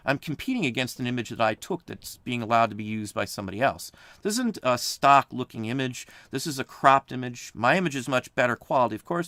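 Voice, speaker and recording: A man's voice: mid-range voice, a bit bright, dry recording. A man hosting a reseller channel, talking casually on a livestream in a rambling way, often repeating himself. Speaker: channel host.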